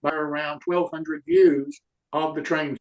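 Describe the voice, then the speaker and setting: A man's voice: fairly high pitch, big pitch swings, a little slow, gravelly, rough recording. Man with glitching, breaking-up call audio. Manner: rambling, repeats words as he thinks aloud. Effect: glitching, breaking-up video call audio. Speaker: model railroad club member in online meetup. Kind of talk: casual group discussion on a video call. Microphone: computer mic on a video call.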